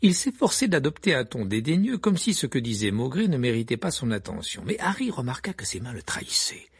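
A man narrating an audiobook with expressive storytelling. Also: mid-range voice, a little fast, slightly rough, no echo, clean studio sound. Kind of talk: scripted narration.

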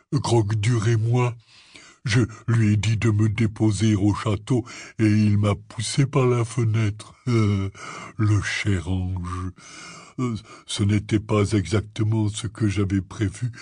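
A man voicing a huge, big-hearted bearded half-giant gamekeeper who talks loud, breathless and gushing. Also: on the low side, breathy edge, dry recording, studio quality.

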